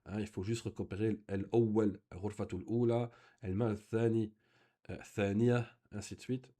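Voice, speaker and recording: A man's voice: fairly low pitch, level tone, moderate pace, mellow. A man teaching a beginners' Arabic lesson in French, reading dialogue lines and translating them patiently one by one. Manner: patient, repeats and translates line by line.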